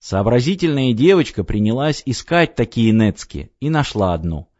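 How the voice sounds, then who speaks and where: A man narrating an audiobook in an expressive reading style. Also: medium pitch, moderate pace, dry recording. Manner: expressive, voices the characters. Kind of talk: scripted narration. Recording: dry, slightly dull audiobook recording.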